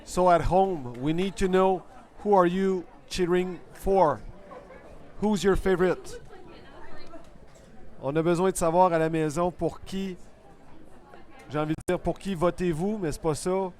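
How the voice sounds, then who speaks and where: Slightly high-voiced Quebec man, chatty sports commentator. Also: a little slow, pauses often, a little mellow, a faint crowd. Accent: Quebec French. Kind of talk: casual bilingual live-stream commentary.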